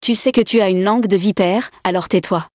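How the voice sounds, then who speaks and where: A woman playing a feisty, sharp-tongued, independent young wife in a dubbed drama. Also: medium pitch, fairly quick, no room sound, natural voice. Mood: annoyed. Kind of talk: dubbed short-drama acting.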